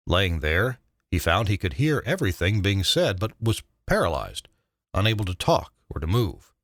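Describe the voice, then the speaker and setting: A retired broadcast engineer, an older man with a low voice, narrates a scripted memoir in a measured, dramatic style, leaning hard on emphatic stresses. The recording is dry and of studio quality.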